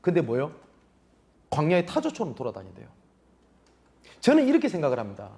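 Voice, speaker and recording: A man's voice: a little high, wildly swooping pitch, fairly quick, mellow. A male pastor preaching a sermon, pressing rhetorical questions on the congregation. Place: church sanctuary.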